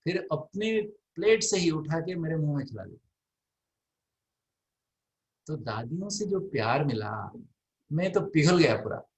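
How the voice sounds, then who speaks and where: A middle-aged man leads a devotional class in an unhurried storytelling way. He slips into the voices of the elders he remembers, dropping soft and then rising loud, so his pitch moves a lot. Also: slight background noise, low-quality recording. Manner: animated storytelling, acts out quoted elders in soft and raised voices. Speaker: spiritual class teacher.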